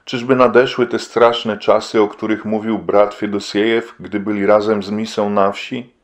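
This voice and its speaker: A man narrating an audiobook with steady, measured reading. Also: lowish voice. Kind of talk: scripted narration.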